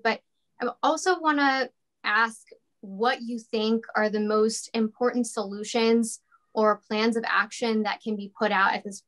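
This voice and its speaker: A woman leads a panel discussion in a conversational way. Her voice sits a little high, and she passes the talk to others with follow-up questions. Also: a bit bright. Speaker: discussion moderator.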